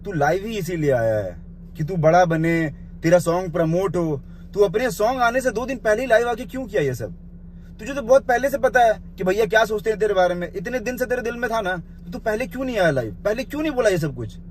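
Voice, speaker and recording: A man with a noticeably high-pitched voice goes through a rival's claims point by point in a heated vlog rant. He scolds bluntly, speaking to the other man directly with the informal "you.". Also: animated, fairly quick, slight background noise. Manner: scolding, addresses the listener with the blunt informal 'you'; point-by-point rebuttal. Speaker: vlogger responding to a rival's live video. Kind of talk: confrontational rant to camera.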